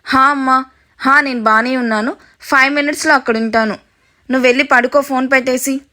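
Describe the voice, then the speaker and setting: A woman's voice: sits high, steady tone, brisk, pushed and bright. Young groom, impatient and dismissive, voiced by a woman narrator. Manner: impatient, brushing off.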